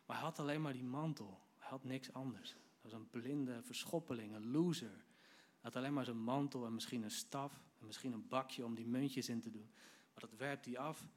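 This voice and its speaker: A man's voice: medium pitch, normal speed. A man giving a sermon, retelling a Bible story vividly and speaking directly to his listeners. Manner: lively storytelling, acts out quoted lines; addresses the audience directly. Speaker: preacher.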